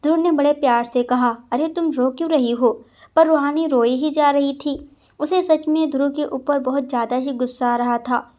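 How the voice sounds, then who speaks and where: A woman narrating a story in a steady, scripted reading voice. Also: high-pitched. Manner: reads all roles in one steady voice.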